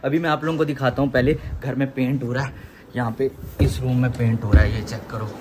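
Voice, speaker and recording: A young man vlogging at home during a family celebration, teasing and exclaiming loudly. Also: mid-range voice, fairly quick, noisy background. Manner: excited, teasing, loud exclamations. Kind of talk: casual chat.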